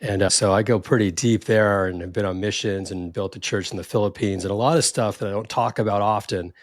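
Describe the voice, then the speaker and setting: Clean studio sound with no echo carries this man's lowish, fairly even voice as he moves briskly along. Hosting a startup interview podcast from Silicon Valley, California, he reads a bright intro and asks warm questions.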